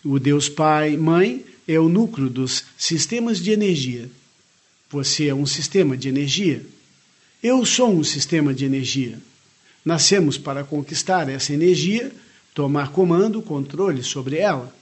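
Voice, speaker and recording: Brief: male spiritual teacher, husky and a bit high, reads a lecture earnestly with asides. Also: lively intonation. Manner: measured, earnest reading with short spoken asides. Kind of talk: reading a spiritual lecture aloud with comments.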